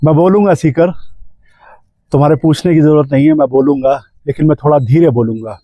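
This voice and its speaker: A man voicing a calm, wise talking homestay house that speaks gently and earnestly. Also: on the high side, brisk, dry recording, close to an everyday voice.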